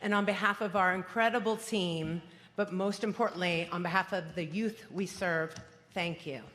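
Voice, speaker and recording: A woman's voice: fairly low pitch, normal speed, a bit bright, slight background noise. A woman hosting a charity gala, making upbeat, thankful announcements from the stage of a hotel ballroom. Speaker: event host for a charity. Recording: long ballroom reverb.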